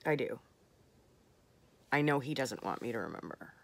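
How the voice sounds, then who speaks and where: Worn out woman rambling into her vlog late at night, really gravelly, words a bit slurred. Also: extremely low pitch, animated. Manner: candid, rambling, with soft pauses. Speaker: vlogger.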